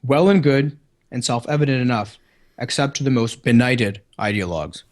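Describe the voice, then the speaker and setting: A man's voice: medium pitch, moderate pace. A man with a Canadian accent, a guest on a podcast, arguing his case insistently. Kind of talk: debate-style interview.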